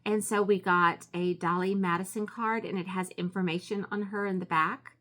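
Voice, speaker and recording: A woman's voice: mid-range voice, steady tone, normal speed, a bit bright. Gushing woman in a casual craft vlog. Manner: gushing, appreciative. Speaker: craft vlogger. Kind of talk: casual show-and-tell vlog.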